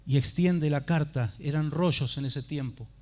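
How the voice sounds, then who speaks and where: A male pastor preaching a sermon at a church service, telling the story dramatically and swinging from hushed to loud. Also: on the high side, normal speed.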